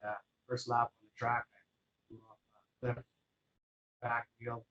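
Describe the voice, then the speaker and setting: Man, mid-pitched voice, casual interview storytelling, relaxed and rambling, lots of fillers, dull lo-fi audio. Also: unhurried. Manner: relaxed and rambling, with many fillers like "you know". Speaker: interview guest.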